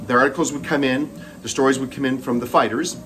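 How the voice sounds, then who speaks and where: A man's voice: medium pitch, fairly even intonation, fast talker, a bit bright, a little hiss or hum, low-quality recording. A middle-aged man with a Canadian accent telling a personal story while running on a treadmill, speaking in short broken phrases. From Moncton, New Brunswick, Canada. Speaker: host.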